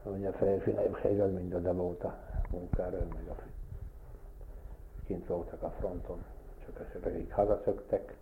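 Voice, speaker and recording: Gravelly older man reminiscing, tinny recording. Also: low voice, little pitch movement. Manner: plain-spoken storytelling, repeating phrases for weight. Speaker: interviewee recalling village life. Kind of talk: oral history reminiscence. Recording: tinny lo-fi recording with faint hiss.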